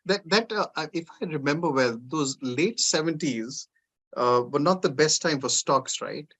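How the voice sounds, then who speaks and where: A man hosting an investing podcast asks his guest questions in a curious, conversational way, with plenty of ums. His voice sits slightly high for a man. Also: moderate pace, fairly bright tone, husky. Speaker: podcast host. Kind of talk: interview conversation.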